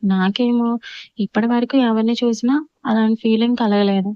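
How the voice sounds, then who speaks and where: A woman's voice: a little high, fairly even intonation, normal speed, clean tone, no echo, muffled recording, close to an everyday voice. A woman voicing a talkative, innocent young bride rambling to her husband. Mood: chatty.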